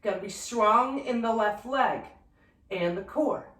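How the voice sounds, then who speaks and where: A woman yoga instructor calls out poses during a flow class in a voice on the high side, speaking unhurriedly in an echoey room. Her cues are calm and directive, though she is sometimes slightly winded as she moves through the flow.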